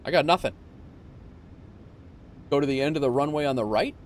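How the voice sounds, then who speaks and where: A man giving casual livestream commentary on a flight simulator game, informal and thinking out loud. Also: fairly high pitch, lively intonation, brisk, slight background noise.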